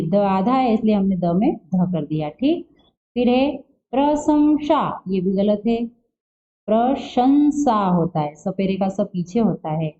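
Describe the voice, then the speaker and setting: A woman walks a class through a Hindi textbook exercise at a middle pitch. She poses a question, then supplies the answer herself, and breaks tricky words into syllables. The sound is a little dull and lo-fi. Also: mellow. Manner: patient, asks and answers her own questions. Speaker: Hindi teacher. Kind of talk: classroom lesson walkthrough.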